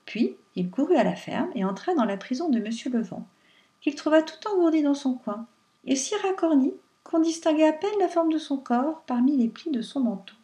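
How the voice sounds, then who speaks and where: Female storyteller, calm and measured, fairly high voice, reads a fairy tale. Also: recorded from a distance. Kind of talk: reading a fairy tale aloud.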